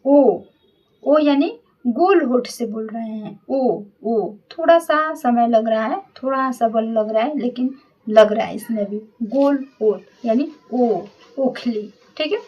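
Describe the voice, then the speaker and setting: A woman teacher giving a grammar lesson, patiently repeating each vowel sound slowly and checking in often. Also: fairly high pitch, a little mellow, slightly rough, far from the mic, lo-fi sound.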